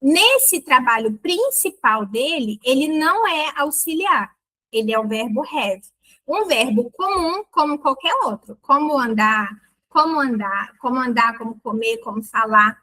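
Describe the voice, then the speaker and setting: Bright, high-voiced woman teaching. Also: unhurried, low-quality recording. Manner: lively, explanatory, exaggerates intonation on examples; chatty and playful with students. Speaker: English teacher. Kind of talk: online language lesson.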